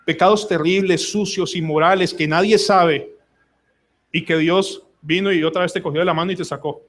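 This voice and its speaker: High-voiced pastor preaching. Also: male voice, steady tone, normal speed, fairly bright tone. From Colombia. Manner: emphatic preaching that acts out prayers and quoted voices. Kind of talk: sermon. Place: church service.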